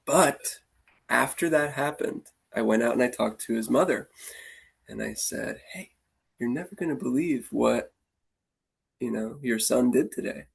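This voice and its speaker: Husky-voiced man telling lively stories. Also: mid-range voice, unhurried. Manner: animated, acts out the kids' voices. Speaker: martial arts instructor. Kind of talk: casual storytelling conversation.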